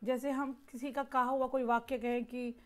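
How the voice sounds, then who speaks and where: A woman's voice: sits high, flat delivery, moderate pace. A woman teaching Hindi grammar in a lecture, explaining patiently with everyday examples. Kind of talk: classroom lecture.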